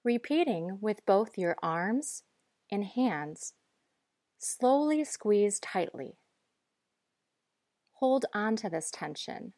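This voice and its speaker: A woman guiding breathing and muscle relaxation in a calm, measured, instructive way. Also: medium pitch, no room sound, clean studio sound. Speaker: guide.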